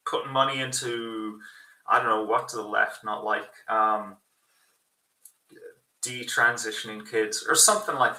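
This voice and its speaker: A man hosts a rambling, foul-mouthed livestream, and his voice sounds thin and tinny with all the bass gone. It is sharp and shrill, and it comes from a hidden built-in computer mic set back from him. The room echoes around him, and he talks at an unhurried pace. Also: recorded from a distance. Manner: rambling, swears often. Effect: thin tinny voice with no bass from the wrong built-in microphone. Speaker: livestream host. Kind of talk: casual livestream commentary. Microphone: built-in PC microphone picked by default.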